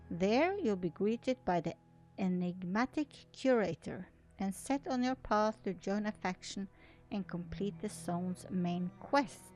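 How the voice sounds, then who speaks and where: A woman with a darkish, mid-range voice reads out an article as a gaming video host, mixing in casual commentary. English isn't her first language, and she keeps stumbling and restarting.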